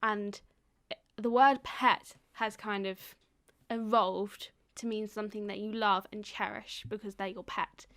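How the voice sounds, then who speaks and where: A woman's voice: medium pitch, fairly even intonation, unhurried, fairly bright tone. A woman co-hosting a casual podcast, explaining things at length with frequent fillers and laughter. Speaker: podcast co-host.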